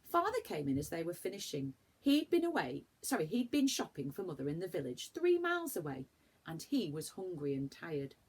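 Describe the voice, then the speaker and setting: A woman with a fairly low, slightly rough voice reads a children's story aloud. She tells it expressively and deliberately, in a storytelling manner.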